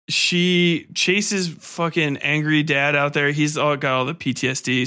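A solo podcast host with a fairly bright, high-leaning voice rants about a film. He's irreverent and slangy throughout, swearing heavily and sounding sarcastically exasperated.

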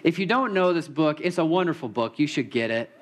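A man preaching a heartfelt sermon in a church, speaking in a fairly high voice. He is openly emotional and tells a story gently. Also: lively intonation, fairly quick. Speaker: pastor.

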